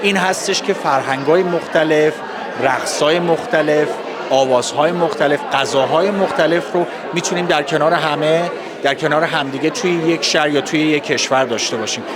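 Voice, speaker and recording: A man with an Iranian Persian accent giving formal, courteous, halting interview answers. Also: fairly high pitch. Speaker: festival organizer interviewee. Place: public festival space with crowd. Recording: busy crowd noise, outdoor public event.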